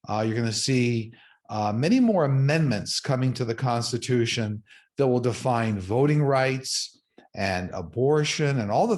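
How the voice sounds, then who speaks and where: A man hosts his own online show, speaking directly to his viewers in a relaxed, conversational way. He often stops to restart sentences and fills pauses with "uh." His voice sits at an ordinary middle pitch. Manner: conversational, frequent fillers and restarts. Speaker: psychic medium host. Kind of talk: casual monologue to viewers.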